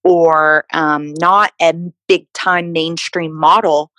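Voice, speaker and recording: A woman's voice: sits low, steady tone, takes it slowly, a bit bright, dry recording, rough recording. A young woman from Texas, a fitness model guest, talking casually with lots of fillers and restarts. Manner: chatty, many fillers and restarts. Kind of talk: casual interview conversation.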